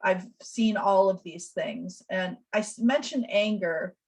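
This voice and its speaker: Gentle woman presenting on a video call. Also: medium pitch, slow pace, breathy edge, poor audio. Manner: gentle, reflective, explanatory. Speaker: death doula and presenter. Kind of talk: webinar presentation.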